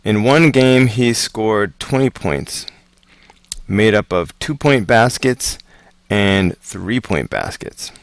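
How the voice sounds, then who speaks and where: A man teaching math homework, talking through word problems in a relaxed, chatty way with asides. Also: on the low side, no echo. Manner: relaxed, chatty, slow and deliberate. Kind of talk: casual homework walkthrough.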